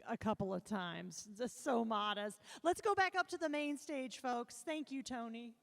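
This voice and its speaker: A woman's voice: fairly high pitch, expressive, moderate pace, vocal fry. A woman hosting an upbeat interview at an event.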